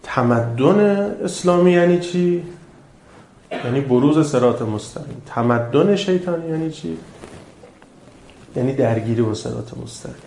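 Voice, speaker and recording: A man giving a sermon to a live audience, swinging between loud, emphatic bursts and low, quiet asides, reciting scripture verses slowly and deliberately and asking his listeners questions. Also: creaky, slight background noise. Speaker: religious lecturer. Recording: echoey room.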